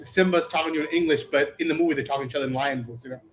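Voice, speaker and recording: A man's voice: on the high side, steady tone, racing, slight background noise. A young man in a casual movie chat, laid-back and prone to restarting his sentences.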